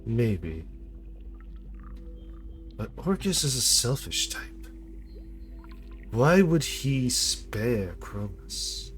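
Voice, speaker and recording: A man's voice: medium pitch, very animated. Man voicing a regal serpent mother, music behind. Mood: cool, detached. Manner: slow, formal serpent voice. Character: regal female serpent demon mother, aloof, calculating. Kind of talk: tabletop role-play character.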